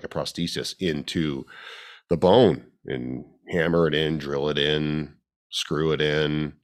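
A man co-hosting a casual podcast chat as a fitness coach, rambling with many restarts and fillers. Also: extremely low pitch.

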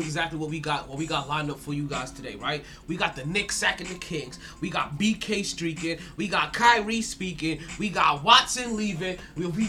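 A South Florida man hosts a casual sports podcast, his high voice pushed and bright. He talks in a hyped, slangy way, repeats his words, and sounds a bit stuffy-nosed from allergies.

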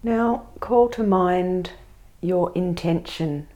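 A woman leading a guided meditation and body scan in a soft, soothing, gentle voice, speaking in short, spaced phrases. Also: lowish voice, slow pace.

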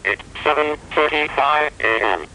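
A man's voice: fairly high pitch, unhurried, bright, forceful tone. Guy doing a talking clock voice, spliced together words, stiff and choppy, noisy old radio ad sound. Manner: stiff, clipped announcements. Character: male talking alarm clock announcing the time.

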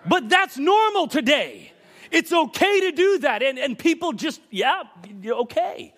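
A high-pitched man preaching to a congregation, his voice leaping up and down as he presses each point. He moves between quick conversational asides and sudden shouted emphasis, speaking from the pulpit during a church service. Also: very animated. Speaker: pastor. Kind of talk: sermon.

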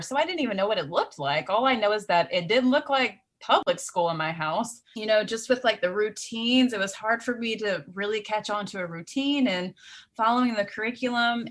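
A woman's voice: medium pitch, fairly bright tone. A middle-aged woman talking as a guest in a casual conversation, earnest and laughing often.

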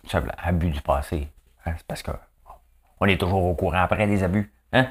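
A man's voice: sits low, brisk, breathy edge. A man with a Quebec French accent and a nasal voice, hosting a casual, joking commentary monologue and tagging his sentences with "hein". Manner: chatty, joking, fills talk with "hein". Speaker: show host.

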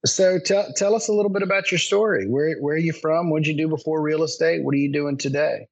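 Speaking quickly with a slightly high voice and vocal fry, this podcast host rambles in casual conversation with a guest, restarting sentences again and again. The recording sounds rough.

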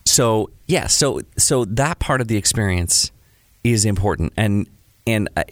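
Low male podcast co-host, earnest explainer, dry close sound. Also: lively intonation, unhurried, no echo. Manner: earnest, explaining, agreeing often. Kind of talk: casual chat.

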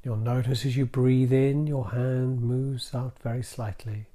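A man guiding a calm grounding exercise in a gentle, soothing manner, leaving deliberate pauses between short phrases. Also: medium pitch. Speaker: mindfulness practice guide.

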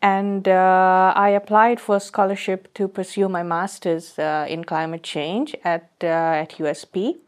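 A woman from Fiji, a research guest telling her story in a podcast booth in a measured, thoughtful way. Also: mid-range voice, fairly even intonation. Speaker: guest, postdoctoral climate researcher. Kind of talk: conversational interview.

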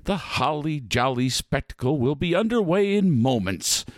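A man playing a pompous, mischievous spooky dark ride narrator in a grandiose, scripted comedy show. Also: a little high, animated, moderate pace, dry recording, studio quality, lightly acted. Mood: theatrical welcome. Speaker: host of a horror dark-ride comedy podcast.

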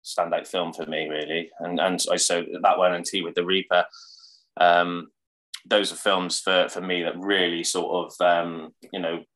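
A man with a very deep voice talks warmly and keenly about films, padding his sentences with 'sort of' and 'like'. His delivery is loose and conversational, searching for words as he goes. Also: flat delivery, unhurried, rough recording. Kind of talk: casual chat.

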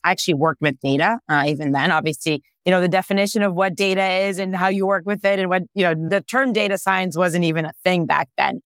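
A woman in her thirties, born and raised in Israel, talks fast with hardly any pauses in a steady, low-ish, slightly bright voice. As a startup founder and CEO guesting on an interview, she answers thoughtfully with lots of "you know." The recording is clean studio sound with no room noise.

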